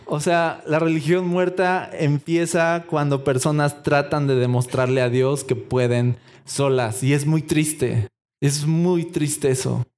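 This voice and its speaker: A man's voice: on the high side, fairly even intonation, takes it slowly, a little mellow. A man preaching a sermon, acting out imagined dialogue and asking the congregation questions.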